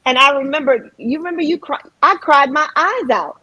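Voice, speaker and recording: A woman's voice: high-pitched, fairly quick, sharp tone, no echo, muffled recording. A middle-aged woman, a singer and guest on a podcast, talking in an emotional, heartfelt way, laughing often and restarting her sentences. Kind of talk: casual podcast conversation.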